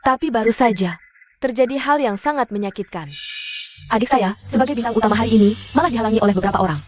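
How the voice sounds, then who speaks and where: A woman's voice: a little high, quick pace, slight background noise, lightly acted. A woman dubbing a poised female lab chief and elder sister, speaking formally and composedly. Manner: formal, composed speech-giving. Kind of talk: dubbed drama.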